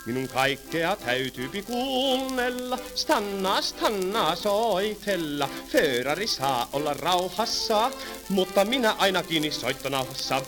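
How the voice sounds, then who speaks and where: On an old archive record backed by music, a man with a high-sitting voice and wide pitch swings sings jauntily as a fussy old-time tram conductor. It's a 1930s comic song, and after singing he scolds the passengers in quick spoken patter.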